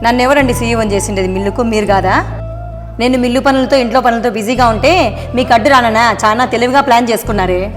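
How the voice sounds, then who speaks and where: A woman acting as a wife who is fed up with her deceiving husband, speaking in a sharp, reproachful way in a melodramatic family drama. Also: a little high, racing, lightly acted. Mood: cold. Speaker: actress in a family drama short. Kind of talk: melodramatic short-video acting. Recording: roomy reverb with background music.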